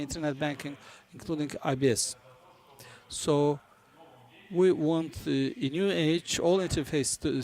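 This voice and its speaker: A man who is not a native English speaker gives a business conference presentation, halting as he searches for words. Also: a little high, a little mellow. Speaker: conference presenter for a banking software company.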